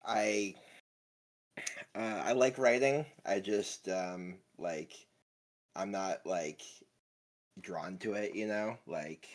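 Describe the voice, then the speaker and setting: Hesitant low-voiced man on a call. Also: slow, pauses often. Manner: hesitant, full of "like" and "you know". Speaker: caller. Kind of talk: casual voice-call chat.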